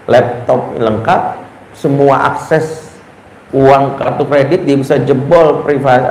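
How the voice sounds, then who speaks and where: Man preaching in a lively, storytelling way. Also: medium pitch. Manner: lively storytelling, acts out dialogue in quoted voices. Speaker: Islamic preacher. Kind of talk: religious parenting talk. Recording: echoey room with faint ambient noise.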